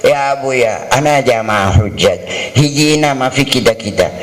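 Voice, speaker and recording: A man's voice: medium pitch, moderate pace, poor audio. A middle-aged man giving a humorous lecture to pilgrims as a hajj instructor, acting out quarrels and bargaining. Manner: lively, acts out quarrels and bargaining in mock voices.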